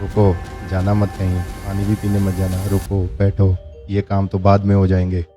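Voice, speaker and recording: A clingy social media platform that keeps begging you not to leave, as a man puts it on. It repeats short commands to sit and stay, in a coaxing, insistent way. The voice sits a little low, with faint music behind. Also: completely flat delivery, normal speed, lightly acted.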